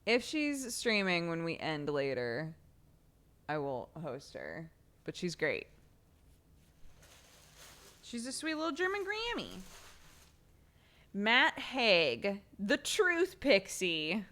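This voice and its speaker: Giggly woman streamer with lively pitch. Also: slow, long pauses. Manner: casual and giggly, swears offhand. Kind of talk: casual live-stream chat and storybook reading.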